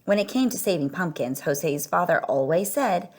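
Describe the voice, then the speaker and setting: The storyteller is a woman with a lower-pitched voice reading a children's picture book aloud, and her expressive delivery stretches words out for emphasis.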